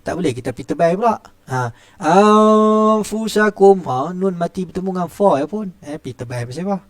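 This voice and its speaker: This middle-aged man talks fast and expressively in a high-leaning, slightly mellow voice, captured on a dry recording. With a Malaysian Malay accent, he teaches Quran recitation rules in a chatty classroom tajwid lesson, demonstrating sounds and often starting lines with "ha".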